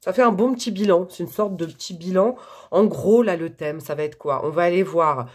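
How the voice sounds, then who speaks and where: A woman's voice: fairly low pitch, a little fast, darkish tone, breathy edge. A woman reading tarot for her viewers in a chatty, casual way, with many fillers and frequent laughs. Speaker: tarot reader.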